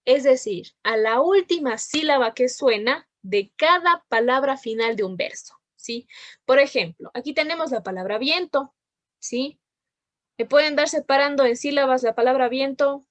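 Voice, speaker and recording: A woman's voice: sits high, normal speed, a bit bright, dry recording. A woman teaching a literature class over a video call, patient and asking questions often. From Ecuador. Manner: patient, checks in with frequent questions. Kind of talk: online class lesson.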